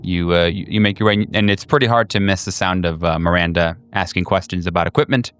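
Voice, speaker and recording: A man improvising tabletop game narration as game master, halting as he searches for words. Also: sits low, steady tone, clean tone. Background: soft music.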